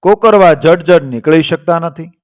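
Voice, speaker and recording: Male storyteller reading a moral tale, steady and dramatic, voice a touch high. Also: normal speed.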